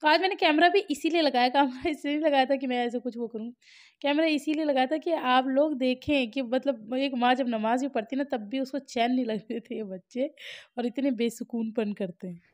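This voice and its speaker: An Indian mother chatting casually to her viewers in a home vlog, talking freely and laughing often, dropping soft and low when she turns reflective. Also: brisk. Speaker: family vlogger, mother.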